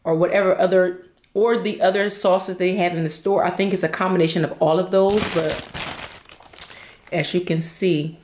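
A woman's voice: fairly low pitch, fairly even intonation, normal speed, background noise. A young woman vlogger chatting casually at home while she eats, sometimes talking with her mouth full. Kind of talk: casual chat while eating. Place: home, indoors. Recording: roomy, from a distance.

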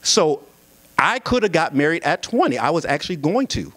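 The young man's voice is on the high side and moderately paced, with no room sound. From the sanctuary pulpit at a singles conference, mic in hand, he spins a funny, sermon-like story, bantering with the crowd in a lively way.

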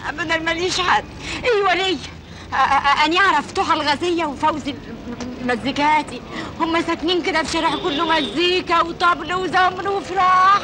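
A woman's voice: very high voice, fast talker, long pauses. An actress with an Egyptian Arabic accent playing a naive young village woman who has lost her way in the big city, pleading and wailing in an old film. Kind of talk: 1980s Egyptian film acting. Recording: echoey old film soundtrack with noise.

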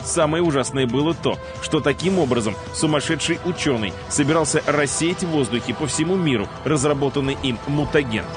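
A man's voice: on the high side, a little fast, hardly any pauses. A man reading dramatic scripted narration as the narrator of a TV countdown show. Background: music.

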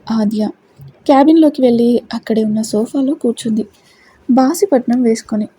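Woman narrator, romance story reading, breathy, mellow. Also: on the high side, moderate pace, low-quality recording.

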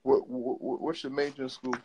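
A man's voice: medium pitch, level tone, a little fast, noisy background. A man hosting a casual video call chat, joking and teasing his callers with crude banter. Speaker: host.

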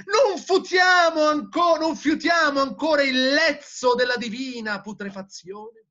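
A man's voice: very high-pitched, expressive, takes it slowly, pushed and bright, voice pushed up, exaggerated voice. A male teacher reading aloud as a frantic madman who cries out in anguished declamation, on a dull lo-fi recording. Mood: despairing. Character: frantic male madman crying out that God is dead.

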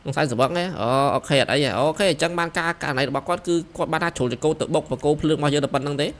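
A young man giving excited gameplay commentary, shouting quick directions as he plays. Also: on the high side. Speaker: gameplay streamer. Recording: voice over loud game sirens. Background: police sirens from the game.

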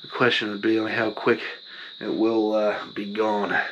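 A man's voice: on the low side, flat delivery, unhurried, a bit bright, highs cut off, slight background noise. A young man talking casually in a vlog, sick and short of breath, rambling and laid-back. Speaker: vlogger.

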